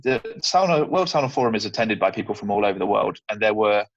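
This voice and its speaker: A man's voice: fairly low pitch, lively intonation, quick pace, lo-fi sound. A man from the United Kingdom, a sauna business guest, explaining earnestly with fillers over a video call.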